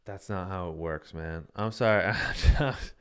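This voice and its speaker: A man with a somewhat low, smooth, resonant voice, hosting his own live-streamed show. He talks casually and rants in a heated, swearing way. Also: unhurried, a bit bright. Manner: heated, profane ranting. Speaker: livestream show host.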